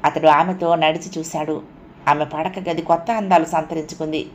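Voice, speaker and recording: Woman reading an audiobook, lowish voice, steady, bit of faint hiss. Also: moderate pace. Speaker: audiobook narrator. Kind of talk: scripted narration.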